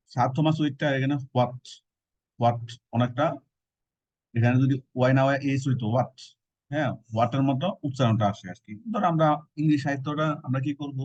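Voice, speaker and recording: A man's voice: medium pitch, a little mellow, dry recording. A male teacher gives a casual exam-prep lecture, explaining with joking memory tricks and colloquial asides. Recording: dull, dry lo-fi recording.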